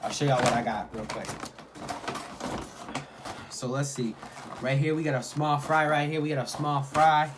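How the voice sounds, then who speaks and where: A man's voice: medium pitch, fairly even intonation, moderate pace, long pauses. A man talking casually in a food vlog, hyping things up in repetitive slang. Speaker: mukbang vlogger. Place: at home. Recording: clearly noisy home recording.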